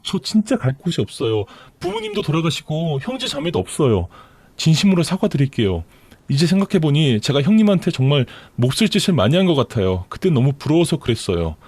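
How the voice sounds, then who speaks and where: A man voicing a desperate, pleading young pregnant woman in a storytelling radio drama, whining and begging in a shrill tone. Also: wildly swooping pitch, a little fast, darkish tone, husky, dry recording, exaggerated voice.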